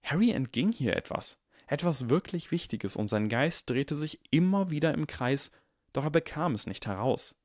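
Man reading an audiobook in a lively, dramatic way. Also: a little high, normal speed, dry recording, clean studio sound. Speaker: audiobook reader. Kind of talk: expressive audiobook narration.

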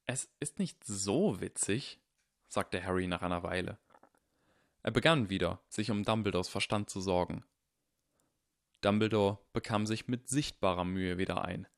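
A man narrating an audiobook in an even, measured storytelling manner. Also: low-pitched, clean tone, no room sound, studio quality. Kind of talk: scripted narration.

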